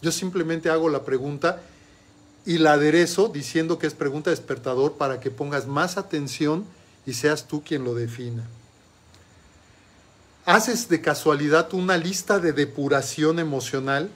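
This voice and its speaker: A man giving a motivational talk as a life coach. He puts questions straight to the listener and slows down to stress each word in his lists. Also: fairly high pitch. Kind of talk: motivational talk with a told story.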